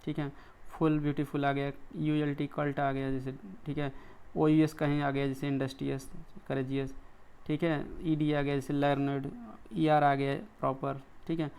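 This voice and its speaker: An Indian man teaching an English grammar lesson, walking through each rule and its examples. His voice is smooth and clear and sits a little higher than most men's. He keeps pausing to check that his students are following. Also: little pitch movement, darkish tone. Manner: explains step by step, often checking in with "ठीक है".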